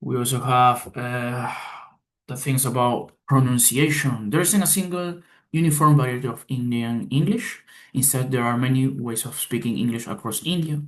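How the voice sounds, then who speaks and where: Halting man reading a class presentation. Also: mid-range voice. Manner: halting, with pauses and restarts. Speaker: student presenter.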